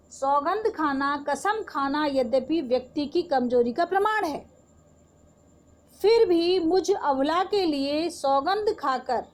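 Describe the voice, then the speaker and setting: A woman with a high-sitting voice teaches Hindi poetry in an online class, going through the verse line by line and putting rhetorical questions to her students.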